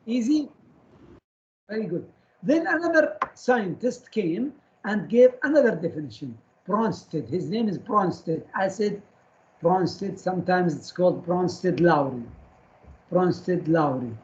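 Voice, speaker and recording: A man's voice: high-pitched, lively intonation, slow pace, darkish tone, muffled recording. A man lecturing a class on chemistry, firing short questions at students and repeating key terms so they stick.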